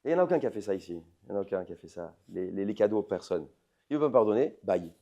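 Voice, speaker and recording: A man in his forties, a rabbi, giving a lively lecture to an audience, swinging between loud emphatic outbursts and soft intimate asides, often asking the listeners questions. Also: low-pitched, racing, highs cut off. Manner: addresses the audience directly with questions.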